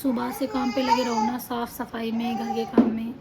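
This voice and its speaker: A woman's voice: a little high, completely flat delivery, moderate pace. A tired young woman chatting in a casual home vlog, talking indoors with children playing and crying nearby. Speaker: vlogger. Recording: noisy home recording.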